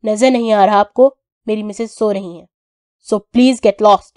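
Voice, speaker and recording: A woman reading an audio novel, voicing a cruel young male crime boss who is stern and commanding, in a clipped, forceful way. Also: medium pitch, fairly even intonation, no room sound, studio quality, lightly acted. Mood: cold. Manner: stern, clipped, louder than the narration.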